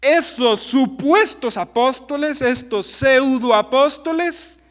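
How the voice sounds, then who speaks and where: A pastor with a Costa Rican accent preaching a sermon, animated and full of rhetorical questions to his listeners. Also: very high-pitched, slow pace. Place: church hall. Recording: long hall reverb.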